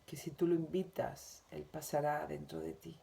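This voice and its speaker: Una mujer con acento de España que lee y comenta una lección espiritual diaria, con tono suave, sentido y reflexivo. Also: female voice, deep voice, flat delivery, moderate pace, creaky, warm tone. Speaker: spiritual teacher. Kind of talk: reading and commenting on a daily spiritual lesson.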